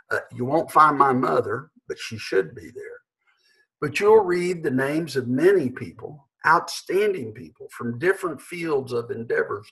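A man in his sixties, a pastor, delivering an earnest, measured sermon from his living room into a webcam. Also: mid-range voice, a bit bright, poor audio. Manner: earnest, measured, with emphatic slowed phrases. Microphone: webcam at desk.

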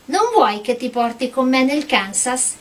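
A woman reading aloud and voicing a polite, apologetic young girl in a storybook, in a gentle, earnest manner. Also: sits high, expressive, a little slow.

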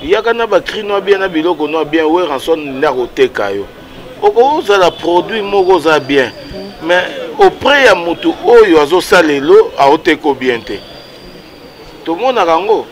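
A fairly high-pitched man speaking at a moderate pace is the guest in a casual interview held outdoors by a wall. In his thirties and Congolese-accented, he's animated, gestures with his hands and mixes Lingala with French.

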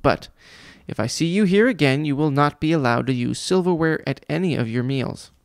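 For a children's storybook, a man voices a pompous, cruel vice principal who declares himself a genius, sounding condescending, mocking and scolding. His voice is on the high side with vocal fry, at a moderate pace, recorded in studio quality with no echo.

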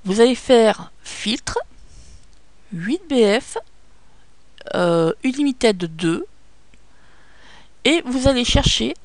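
A French-accented woman talks slowly through a photo editing lesson, pausing often with fillers and telling listeners to take their time. Her voice sits a little high with a gravelly edge, recorded dry and close at a computer. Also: lively intonation, dry recording. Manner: patient, hesitant, many fillers. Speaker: software tutorial presenter.

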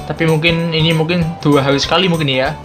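A man's voice: on the high side, steady tone, fast. A man in his twenties with a speech impediment that blurs his r and l, chatting casually to viewers as a gaming YouTuber. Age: 20s. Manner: chatty, informal, addresses viewers as friends. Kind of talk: casual explainer to camera. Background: background music.

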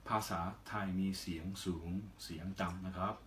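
Foreigner speaking careful, halting Thai, male. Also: low-pitched, fairly even intonation, fairly bright tone, slight background noise. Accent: foreign (Western) accent in Thai. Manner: careful non-native Thai in short halting phrases with polite particles. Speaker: interview guest, singer. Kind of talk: casual interview answers.

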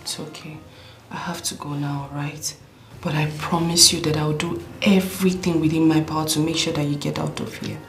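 A woman's voice: low voice, steady tone, normal speed, gravelly. An actress playing a worried wife reassuring her jailed husband. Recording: echoey room with music.

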